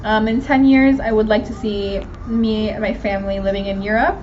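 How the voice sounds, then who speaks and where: In a mid-range, slightly mellow voice with fairly even intonation and a moderate pace, a 29-year-old woman from Miami, Florida hosts a question-and-answer vlog. Speaking in an American accent, she answers viewers candidly and casually, using slang and self-mockery, on a dull lo-fi recording with background noise.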